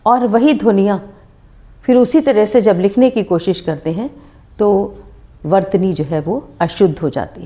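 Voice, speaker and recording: A woman teaching a grammar lesson, asking her own questions and answering them, and slowing down to sound out each word. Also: mid-range voice, warm tone. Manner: slows down to spell out words syllable by syllable. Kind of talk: spoken lesson.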